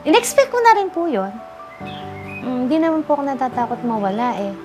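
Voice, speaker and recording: Earnest woman sharing her story softly. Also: high-pitched, sing-song, fairly quick. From Philippines. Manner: soft-spoken, earnest, addresses interviewer politely. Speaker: interviewee, cancer survivor. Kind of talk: emotional testimonial interview. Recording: music bed underneath.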